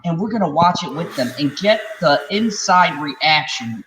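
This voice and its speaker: Bright-voiced man in empty-warehouse echo. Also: a little high, expressive, normal speed. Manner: sarcastic, teasing, sweary. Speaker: host of a live reaction stream. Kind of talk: casual joking live-stream commentary. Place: echoey, empty-sounding room. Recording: echo like an empty warehouse, clear background noise.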